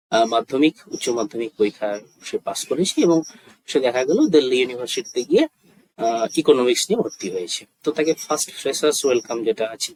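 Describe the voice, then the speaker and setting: A male teacher with a Bengali accent explains a spoken English lesson, his voice slightly husky and breathy. He slows right down for each English example sentence. The sound is dry and close, with no room echo. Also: mid-range voice, darkish tone. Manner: speaks English example sentences very slowly and deliberately.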